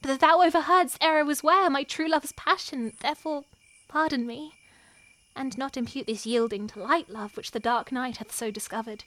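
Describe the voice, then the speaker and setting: A woman performing a lovestruck, wary young noblewoman in a Shakespearean scene, her delivery moving between hushed and impassioned. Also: high voice, normal speed, no room sound. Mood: longing. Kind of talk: Shakespearean stage acting.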